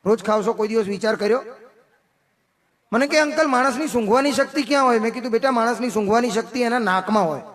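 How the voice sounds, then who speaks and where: A man telling comic stories at a folk festival, playing every part of each joke himself. His speaking voice sits unusually high, and he turns quieter and lower whenever he answers as himself. He speaks into a stage microphone. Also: fast. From Gujarat, India. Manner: tells jokes as dialogue, drops voice lower and quieter for his own replies. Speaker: stage comedian. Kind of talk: live folk comedy storytelling.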